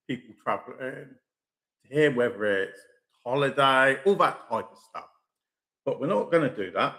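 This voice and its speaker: Chatty man with a lively voice. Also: mid-range voice, gravelly. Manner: chatty, lively, repeats "okay" often. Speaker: host of a live stream channel. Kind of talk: casual football opinion talk.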